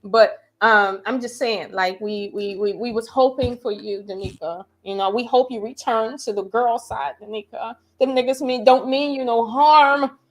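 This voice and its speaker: Blunt, high-voiced woman host. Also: moderate pace, hardly any pauses. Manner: blunt, profane, animated. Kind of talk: casual reaction chat.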